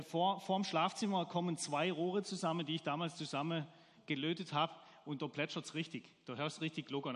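A man delivers a sermon, telling a homely story and asking his listeners questions. His voice sits high for a man. A long reverb trails behind him in a church hall. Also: a bit bright. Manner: storytelling, asks the congregation questions. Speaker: preacher.

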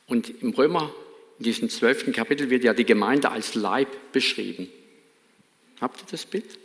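In an echoing church hall, a male pastor delivers a sermon at normal speed in a fairly bright mid-range voice. His tone is earnest and emphatic, colored by a light Baden German accent.

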